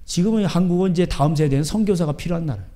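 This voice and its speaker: A man's voice: fairly high pitch, racing, mellow. A man preaching a sermon as pastor, in a rambling, chatty way, often asking his listeners "right?". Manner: keeps asking the crowd back "예?".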